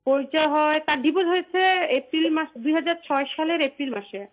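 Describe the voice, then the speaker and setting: A woman's voice: high-pitched, fairly quick. A woman calling in to a show over a phone line, telling a story hesitantly and repeating herself. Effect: phone call heard on air. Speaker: caller to a call-in show.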